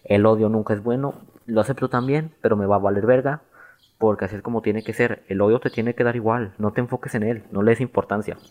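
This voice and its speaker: Low-voiced Mexican man, rambling and profane. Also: steady tone, fast, a little mellow. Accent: Mexican Spanish. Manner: rambling, profane, self-mocking, stumbles over words. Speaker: podcast host. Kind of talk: casual solo podcast monologue.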